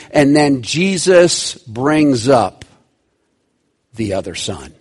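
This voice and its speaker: A man preaching a sermon, animated, swinging between loud and hushed, stretching key words. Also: on the high side. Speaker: pastor.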